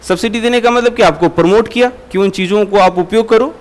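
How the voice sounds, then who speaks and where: A man's voice: high-pitched, fairly quick. A man teaching a lecture class, asking students questions and explaining with everyday examples. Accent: Hindi. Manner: asks students questions and answers them; uses homely everyday examples.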